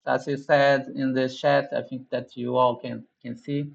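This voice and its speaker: A man hosting a live online class Q&A, speaking haltingly with many restarts and thanks. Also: mid-range voice, flat delivery, vocal fry, lo-fi sound. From Brazil. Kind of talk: casual online class chat.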